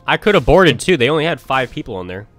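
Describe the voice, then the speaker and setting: A young man in casual voice chat while playing a game, excitable and swearing. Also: mid-range voice, quick pace, soft background music. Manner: excitable, swears and yells in panic. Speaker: gamer.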